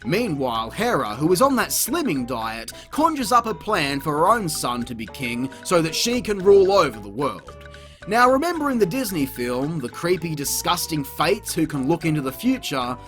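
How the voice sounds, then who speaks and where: Scripted comedic review commentary comes from a male video reviewer and host, delivered in a sarcastic, exasperated, sweary manner. His voice is a little high, very animated and a bit bright, at a moderate pace, with music playing in the background.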